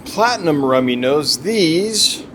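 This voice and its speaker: A man's voice: on the high side, animated, slow, fairly bright tone. Guy showing off stock in a fish warehouse, keen and chatty, off the cuff, noticeable ventilation hum in the background. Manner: enthusiastic, chatty. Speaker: fish seller giving a stock tour. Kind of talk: casual unscripted product tour narration. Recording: clear background noise, humming ventilation.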